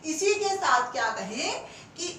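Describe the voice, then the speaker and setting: High, lively Hindi grammar teacher woman. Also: heavy reverb, recorded from a distance, a little hiss or hum, low-quality recording. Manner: asks rhetorical questions and answers them, calls students 'beta'; stretches example sentences slowly word by word. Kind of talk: classroom lecture for exam students.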